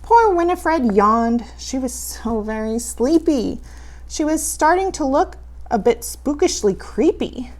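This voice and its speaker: A woman reading a children's story as a campy horror host, with dramatic, playfully spooky, drawn-out delivery. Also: sits high, animated, a little mellow.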